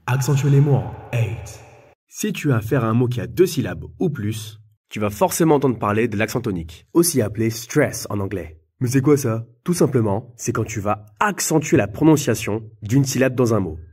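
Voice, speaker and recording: A young man presenting quick English pronunciation tips in a friendly, direct way, speaking straight to the learner. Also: medium pitch, lively intonation, a little mellow, breathy edge. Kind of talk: upbeat educational explainer addressing the viewer.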